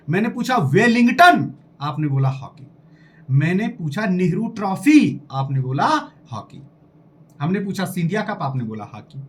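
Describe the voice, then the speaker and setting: Male exam tutor, high, very lively pitch, quizzing and drilling. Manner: animated, quizzing listeners directly, repeating items. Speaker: exam coaching teacher. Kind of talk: lively exam-prep lesson with memory tricks.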